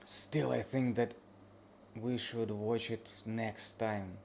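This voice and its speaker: Tired, slow, gravelly-voiced man. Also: fairly low pitch, steady tone, darkish tone, a little hiss or hum. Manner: halting, drifting, drowsy phrasing. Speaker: streamer reacting to a video review. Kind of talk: casual late-night reaction chat.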